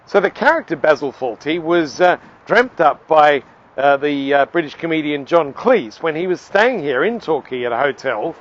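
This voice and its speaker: A man giving a playful, lively piece to camera outdoors by the seaside as a communications trainer, with a few hesitant fillers. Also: fairly high pitch, moderate pace, lo-fi sound.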